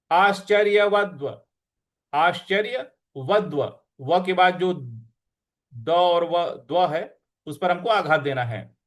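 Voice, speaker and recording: A man's voice: high-pitched, fairly bright tone. A man teaching how to recite a scripture verse, breaking words into syllables and repeating them carefully. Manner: slow, careful syllable-by-syllable pronunciation drill.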